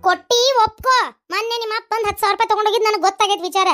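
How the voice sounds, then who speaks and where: Cartoon old mother-in-law played by a woman, North Karnataka Kannada accent, very high, fast, needling. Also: steady tone, a bit bright, soft background music. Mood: accusing. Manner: scolding, mocking, rapid-fire accusations. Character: sharp-tongued elderly mother-in-law, scolding and suspicious. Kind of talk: cartoon story voice acting.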